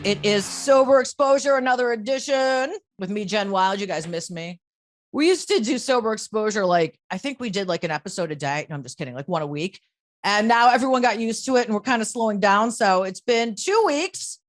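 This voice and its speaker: Lively, blunt woman podcast host. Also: on the high side, normal speed. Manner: lively, blunt, swears casually. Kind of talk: casual podcast chat.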